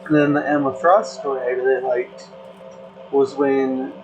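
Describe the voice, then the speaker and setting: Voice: mid-range voice, little pitch movement, dull audio, soft background music. A content creator chatting casually, rambling with many fillers and restarts. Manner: rambling, filler-heavy, slow. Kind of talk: casual chat.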